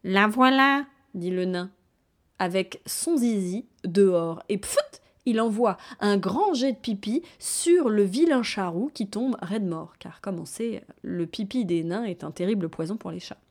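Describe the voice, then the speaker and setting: A woman narrating a bawdy fairy tale in a lively, playful storytelling manner. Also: medium pitch, measured pace.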